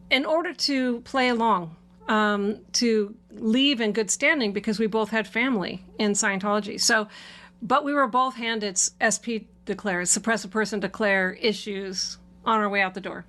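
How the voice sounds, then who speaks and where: A woman's voice: medium pitch, fairly bright tone. A middle-aged woman from Washington State, hosting and chatting casually about her past with frequent laughs and fillers. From Washington State, USA. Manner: chatty, laughs while telling the story, many fillers. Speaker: channel host. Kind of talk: casual conversational storytelling.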